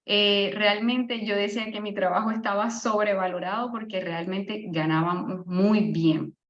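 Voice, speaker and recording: A woman's voice: medium pitch, fairly even intonation, unhurried, roomy sound, highs cut off. A Venezuelan woman from Maracaibo in her thirties, sharing a personal faith testimony in an online session, earnest, with fillers and restarts. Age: 30s. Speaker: speaker giving a testimony on a live online session.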